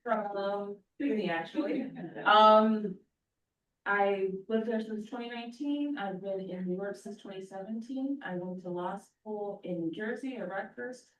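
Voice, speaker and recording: A woman's voice: mid-range voice, a little slow, a bit bright, a little hiss or hum. A woman attorney from Arizona introducing herself casually at a community meeting. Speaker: attorney, board member. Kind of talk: self-introduction at a public meeting. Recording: echoey room, mic far off.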